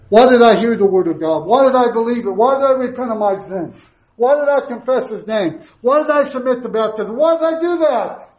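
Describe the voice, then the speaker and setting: High-pitched preacher speaking through a face mask. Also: male voice. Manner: emphatic, repetitive rhetorical questions and answers. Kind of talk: sermon. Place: echoey room, preaching to a congregation. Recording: roomy echo, slightly muffled sound.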